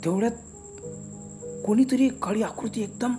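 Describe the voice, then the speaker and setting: A man narrating a first-person horror story in a conversational, unhurried way. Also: sits high. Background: background music and crickets.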